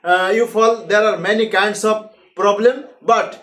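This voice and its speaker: A man's voice: high-pitched, fairly even intonation, extremely slow, a bit bright, reverberant. A man with a Bengali accent teaching English to a class, mixing Bengali and English and drilling students with call-and-response.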